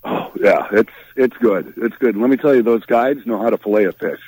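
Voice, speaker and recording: On poor audio, a man with a Minnesota accent hosts radio on remote from an ice fishing trip, chatting casually in a phone-in format. His voice is fairly low, brisk, a little mellow and slightly rough, easygoing and packed with fillers.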